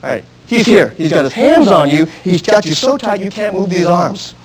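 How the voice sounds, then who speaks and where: A man teaching a self-defense class, coaching step by step and shouting drill commands. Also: sits high, sing-song, normal speed, breathy edge, low-quality recording. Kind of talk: live class instruction. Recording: archive 1990s instructional video.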